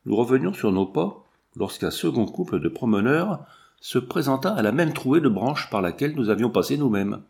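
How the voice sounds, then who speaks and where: A man narrates a classic novel in an even, measured way. His voice sits at an ordinary middle pitch. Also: creaky. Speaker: audiobook narrator. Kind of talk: scripted literary narration.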